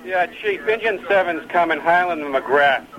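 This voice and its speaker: A man working as a fire alarm dispatcher, giving measured, formal, repeated announcements over a two-way radio. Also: a little high, animated. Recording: dull, very noisy emergency radio channel.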